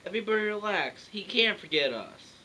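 A man's voice: high voice, lively intonation, brisk, bright, forceful tone, heavily acted, rough recording. A young man playing an aloof, self-consciously cool guy in an amateur comedy sketch, dismissive in tone. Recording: home room, clear background noise.

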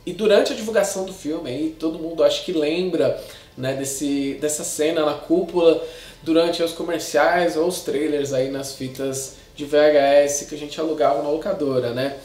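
A man's voice: fairly high pitch, steady tone, moderate pace, darkish tone. A Brazilian man in his thirties chattily reviewing a film to camera in slangy, casual speech with frequent tag questions. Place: small indoor room with shelves of discs. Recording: echoey untreated room.

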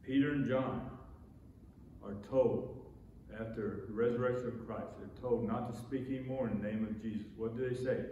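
A man's voice: mid-range voice, steady tone, moderate pace, mellow, slight background noise. A middle-aged man preaching a sermon from a pulpit, earnest and repetitive, often restarting his phrases, recorded by a camera at a distance in a small church. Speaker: pastor. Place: small church sanctuary with empty chairs, indoors. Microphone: far camera facing the pulpit. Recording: very echoey, dull church room recording.

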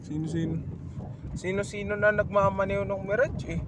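Teenage boy, high voice, polite agreeable chat, inside a car, clear road noise. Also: steady tone, brisk. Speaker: vlogger. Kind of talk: casual chat. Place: inside a moving car on city streets. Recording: noisy car interior.

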